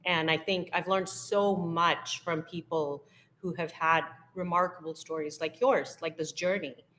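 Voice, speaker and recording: A woman's voice: lowish voice, fairly even intonation, unhurried, a bit bright. A woman guest on a podcast interview, an impact investor who speaks earnestly and emphatically, often posing rhetorical questions. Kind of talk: conversational interview.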